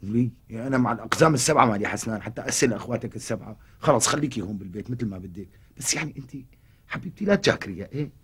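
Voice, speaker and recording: A harried, coaxing husband. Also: male voice, medium pitch, expressive, rapid-fire, husky. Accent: Syrian Arabic. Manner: coaxing, exasperated, sweet-talking. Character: harried husband caught between two wives. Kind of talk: TV comedy acting.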